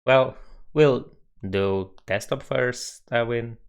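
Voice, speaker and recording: A man's voice: medium pitch, vocal fry, clear, resonant tone. A young man from Romania with a Romanian accent, live-streaming a coding tutorial and thinking aloud at his desk. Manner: unhurried, musing, reads chat aloud.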